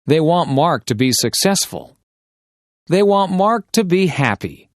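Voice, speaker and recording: Slow man dictating with lively intonation. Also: a little high, no echo, clean studio sound. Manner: deliberate, dictating sentence by sentence with careful enunciation. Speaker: English dictation reader. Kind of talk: dictating simple sentences for language learners.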